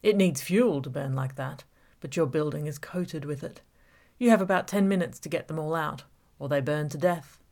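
In an audiobook character voice, a woman plays a taunting, manipulative male villain, gloating and mock-reasonable with a mood of gloating menace. Her voice is low-pitched with a darkish tone at a moderate pace.

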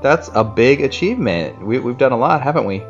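A man in his thirties, a parent co-hosting, reading a children's storybook aloud in an animated, playful way. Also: medium pitch, a little fast, dull audio, soft background music.

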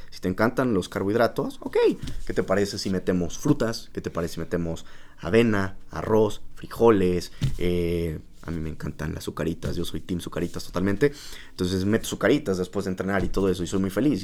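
A man with a Mexican Spanish accent, a nutritionist guest chatting casually on a podcast, animated and jokey, acting out his patients' voices. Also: low voice.

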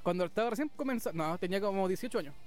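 A man's voice: sits high, lively intonation, rapid-fire, soft background music. A young man in his twenties from Chile with a Chilean Spanish accent, chatting casually in slangy banter as a guest DJ. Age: 20s. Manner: laid-back slangy banter, laughs often. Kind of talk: casual chat.

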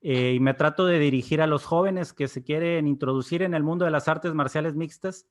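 A man's voice: fairly high pitch, brisk. Man asking questions on a podcast. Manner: conversational, asks short questions. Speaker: podcast host. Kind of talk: interview questions.

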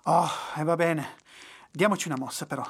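A storyteller voicing the devil, an impatient male demon in a young man's form, haughty and quick to anger. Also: mid-range voice, breathy edge, natural voice. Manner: calm and haughty, bursting into furious shouts. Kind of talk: storybook reading.

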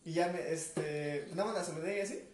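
Quick, slangy storytelling comes from a high-voiced Mexican man who drops "güey" constantly while chatting on a podcast, either as a guest or a co-host. The mic is distant, the room echoes and a little noise can be heard.

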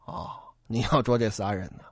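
A man's voice: mid-range voice, lively intonation, moderate pace, no echo, clean studio sound, pitched below the performer's own voice. Sly ruffian boatman, taunting and greedy; a man performs him in a storytelling piece. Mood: mocking. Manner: sneering, taunting.

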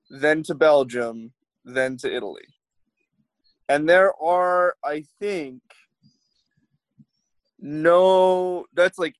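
A man with a somewhat high voice hosts a sports podcast in relaxed chat, wry and teasing. He runs through topics and schedules at an easy pace. The recording is close and dry, with no room sound. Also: no room sound, rough recording. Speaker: podcast host. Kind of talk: casual chat.

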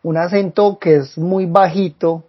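A man's voice: sits high, steady tone, a little slow, dull audio. A man co-hosting a podcast, chatting casually and laughing often. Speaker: podcast co-host. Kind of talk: casual chat.

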